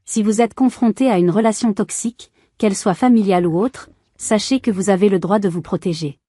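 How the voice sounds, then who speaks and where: Calm woman narrating a dramatic story. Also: mid-range voice, a little fast, dry recording, studio quality. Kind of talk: scripted first-person story narration.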